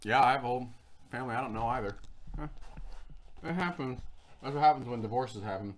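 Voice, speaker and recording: A man's voice: mid-range voice, fast talker. A man hosting a casual livestream chat, rambling and talking while he eats. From Florida. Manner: rambling, chatty, talks while eating. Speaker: show host.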